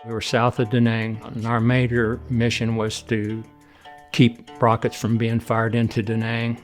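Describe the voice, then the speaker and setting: A man's voice: mid-range voice, measured pace, soft background music. An older man, a retired Marine colonel from Oklahoma and Oregon, telling his life story plainly in an interview. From Oklahoma and Oregon, USA. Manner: plain, even-toned recollection with fillers.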